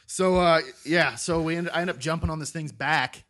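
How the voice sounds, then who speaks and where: A man co-hosting a casual podcast, telling a long story in a rambling, animated way with frequent laughter. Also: fairly high pitch, normal speed. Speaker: podcast co-host.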